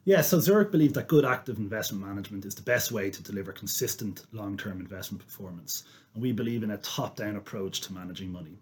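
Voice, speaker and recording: A man with a fairly deep voice talks as an expert guest on a finance podcast. His delivery is businesslike and measured, laid out as explanation. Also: expressive.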